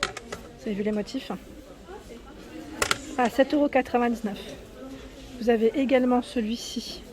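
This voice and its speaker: Walking through a large furniture store, a woman films a casual shopping vlog on a handheld phone, showing products and addressing her viewers directly in a chatty, friendly way while often adding "hein." Her high voice is bright-toned with fairly even intonation and a measured pace, and she pauses often. The background is noisy.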